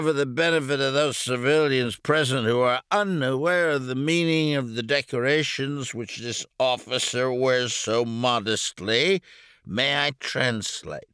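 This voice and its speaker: A man voicing a drunken, boisterous army major who speaks loudly and draws out his words with grand flourish. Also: mid-range voice, smooth, no echo, clean studio sound, voice pushed up. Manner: loud, blustering, grandly drawn-out.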